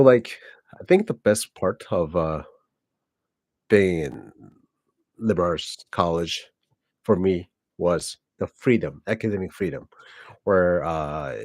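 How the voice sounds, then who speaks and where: Speaking low-pitched with a darkish tone, a Korean-accented channel host in his forties, originally from South Korea and a native Korean speaker, chats through a personal vlog monologue. His talk is casual and rambling, packed with fillers and self-corrections, and there's no echo.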